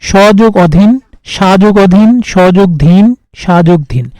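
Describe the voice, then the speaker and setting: A man with a fairly high voice and a Bangladeshi Bengali accent gives an exam-prep grammar lesson. He reads each option in turn and explains the answer steadily. The recording is close and dry, with almost no room sound. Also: moderate pace, warm tone, dry recording, rough recording. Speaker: teacher solving exam questions.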